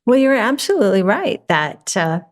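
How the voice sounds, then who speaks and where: A woman physician, a guest on a talk show, explaining medical advice clearly and step by step. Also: medium pitch, very animated, normal speed.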